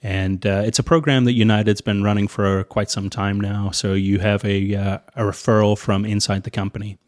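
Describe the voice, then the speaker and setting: Animated Northern Irish man telling stories. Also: normal speed. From Northern Ireland. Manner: animated storyteller, acts out quoted voices with big pitch jumps. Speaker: airline pilot guest. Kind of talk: casual interview storytelling.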